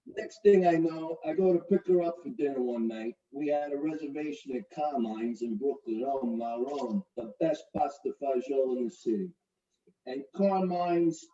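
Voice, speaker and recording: Man playing a cocky New mobster type, middle-aged, crude wisecracks, higher voice, mellow dark tone, muffled from afar. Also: recorded from a distance. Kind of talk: comedic courtroom parody acting.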